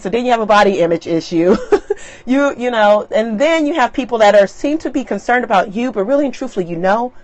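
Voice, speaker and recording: A woman's voice: on the high side, dry recording. A middle-aged woman talking casually on a live stream into her tablet, chatty and often laughing. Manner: chatty and laughing, lively animated asides. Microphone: tablet mic.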